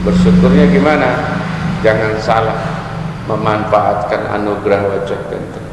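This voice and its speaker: A man's voice: fairly low pitch, level tone, unhurried, background noise. A man giving a casual religious study lecture, joking and asking his listeners questions. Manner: joking, asks the audience questions. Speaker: religious teacher. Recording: echoey hall with faint ambience.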